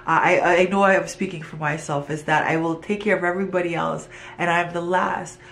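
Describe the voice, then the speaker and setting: A middle-aged woman, originally from Trinidad and Tobago, gives a heartfelt pitch for her business. Her voice sits a little low, and she speaks earnestly, sometimes restarting a phrase as she searches for the words. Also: fairly even intonation, brisk, a bit bright, slight background noise. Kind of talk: pitch video monologue.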